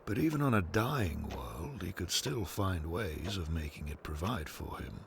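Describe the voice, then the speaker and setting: An audio drama is narrated by a man whose low, gravelly voice moves at a slow, storybook-reading pace. His intonation is lively, and clear noise and ambience fill the background.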